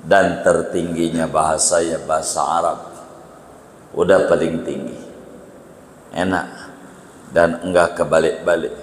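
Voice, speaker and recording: A man preaching at a mosque study session, lecturing and repeating key words, often leaping higher for emphasis. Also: steady tone, a little slow, long pauses, a little hiss or hum. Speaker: Islamic preacher. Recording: echoey hall reverb.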